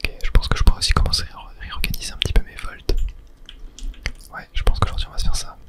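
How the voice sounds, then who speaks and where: Thinking out loud for viewers, this gaming host delivers whispered ASMR game commentary broken up by hesitant pauses.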